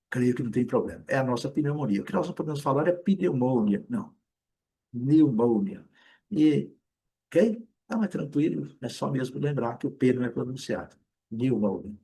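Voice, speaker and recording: A man with a Brazilian Portuguese accent explains English pronunciation to learners, patiently repeating each example word slowly and clearly. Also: mid-range voice, mellow. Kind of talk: classroom explanation.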